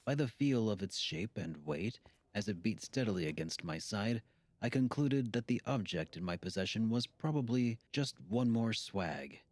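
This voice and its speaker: Man narrating an audiobook in a low voice. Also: animated, moderate pace, darkish tone, no room sound. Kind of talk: scripted narration.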